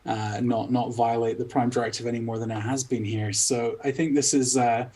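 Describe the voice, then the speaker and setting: A man playing in a tabletop game, talking hesitantly in casual chat with many pauses while he searches for words. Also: medium pitch, level tone, dark tone, slight background noise, rough recording. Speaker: player.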